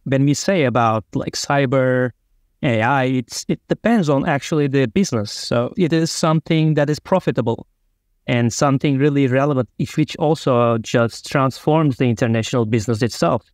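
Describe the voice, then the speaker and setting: Speaking at a moderate pace in a medium-pitched voice, this guest from Turkey talks earnestly in a remote interview. His English is loosely phrased, his accent Turkish, and the sound is dry and close with no room noise.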